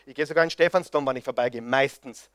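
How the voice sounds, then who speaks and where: A man's voice: mid-range voice, fast, dry recording, clean studio sound. A man preaching a sermon, impassioned and firing rhetorical questions at his audience.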